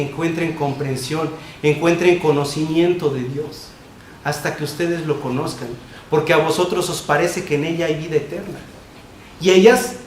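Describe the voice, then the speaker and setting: Man preaching in an echoey church, kinda high voice, punchy and repetitive, faint hiss. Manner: emphatic, repetitive preaching with quick shifts between loud and soft. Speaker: pastor. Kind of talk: sermon. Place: church sanctuary.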